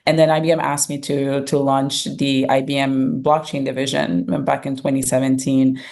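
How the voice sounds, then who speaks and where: A middle-aged woman from Haiti, a company founder answering interview questions in a measured way, with frequent um and uh fillers. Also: very deep voice, little pitch movement, vocal fry, a little mellow. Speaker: guest, fintech founder and CEO.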